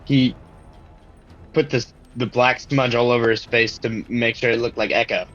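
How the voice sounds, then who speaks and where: A man in a casual online tabletop game chat who fumbles for words with many halting starts. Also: medium pitch, fairly even intonation, fairly bright tone, muffled recording, faint music behind. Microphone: video call.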